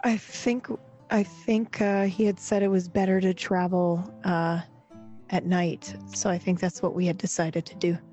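A sick woman from America, her voice lower than usual, chats casually as a player in a tabletop game. Her video call mic sounds bassy, and faint music plays behind her. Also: level tone, unhurried, dark tone, highs cut off. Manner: casual, laughing. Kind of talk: casual chat. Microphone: video call microphone, bassy.

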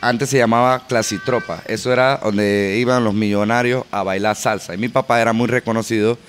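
A man's voice: fairly low pitch, fairly even intonation, brisk, faint music behind. A man from Panama with a Panamanian accent, a guest DJ telling stories animatedly in a casual interview and mixing in English words. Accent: Panamanian Spanish.

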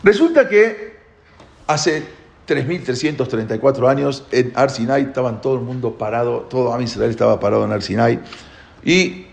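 A man telling a parable in an animated way, emphatic and repetitive, often restarting his sentences. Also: mid-range voice, normal speed, gravelly. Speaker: guest telling a religious parable. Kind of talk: animated storytelling. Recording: echoey room.

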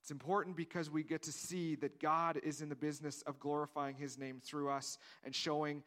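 Here a pastor with a slightly high, fairly bright voice preaches fairly quickly and with a flat delivery. His sermon is conversational, he acts out the story's dialogue, and he keeps repeating words and restarting phrases.

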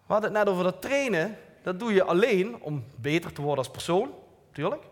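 With a high, animated voice and a brisk pace, a man with a Limburg Dutch accent speaks as a lay preacher in a church hall, giving an informal, earnest, plain-spoken talk with light self-mocking asides. Long hall reverb colors the recording.

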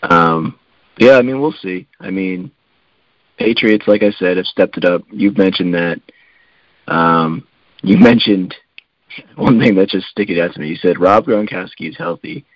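A man co-hosting a casual sports podcast, relaxed and hedging, with lots of fillers. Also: low-pitched, a little slow, no echo, highs cut off. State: coughing. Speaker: podcast co-host.

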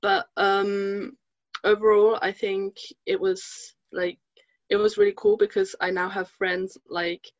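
A woman's voice: medium pitch, slow, dry recording. Twenty-something woman from germany chatting as a guest, lots of ums and likes, dull dry sound. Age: 20s. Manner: hesitant, many fillers and restarts. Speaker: podcast guest. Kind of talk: casual interview chat.

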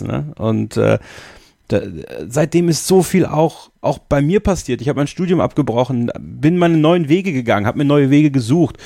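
A man's voice: mid-range voice, gravelly, a little mellow, no room sound, studio quality. A man co-hosting a podcast, speaking with enthusiasm and gratitude in casual chat, with plenty of hesitations. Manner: enthusiastic, grateful, many fillers. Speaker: podcast co-host.

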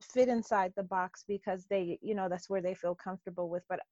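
A woman's voice: medium pitch, fairly even intonation, fairly quick, warm tone, no room sound. Earnest Detroit woman, dull dry sound. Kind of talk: casual conversation.

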